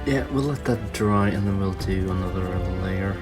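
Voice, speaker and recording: Working with his hands, a man hosting a toy-customizing video thinks aloud in a casual, hesitant way. He speaks at a normal speed in a low-pitched voice, over background music.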